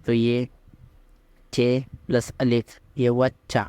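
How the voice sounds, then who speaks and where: Slow, patient male script teacher. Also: mid-range voice, completely flat delivery, dark tone, smooth, no echo. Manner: patient, asks and answers himself. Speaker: language teacher. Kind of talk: slow step-by-step script lesson.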